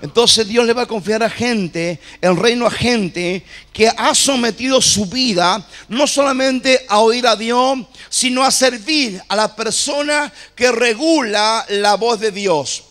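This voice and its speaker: Male preacher, high-pitched, unhurried, fervent with repeated amens. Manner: passionate, swings from shouting to quiet low asides; repeats phrases, calls for amen from the congregation. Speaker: apostle preaching at a church conference. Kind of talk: sermon.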